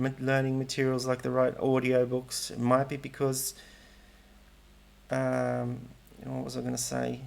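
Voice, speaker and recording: A middle-aged language learning vlogger talks casually, rambling and hesitant, often restarting and correcting himself. His voice is medium-pitched, gravelly and a little mellow.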